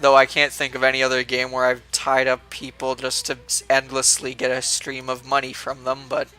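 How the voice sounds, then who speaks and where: A man's voice: medium pitch, monotone, normal speed, bright, forceful tone, clear, resonant tone, soft background music. A young man casually commenting while streaming a video game, rambling with fillers and restarts.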